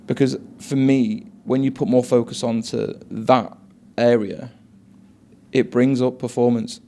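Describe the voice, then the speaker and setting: A man's voice: mid-range voice, steady tone, unhurried, dark tone. A man coaching and hosting a casual interview, rambling along with lots of "like" and "mate". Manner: chatty, rambling, peppered with "like" and "mate".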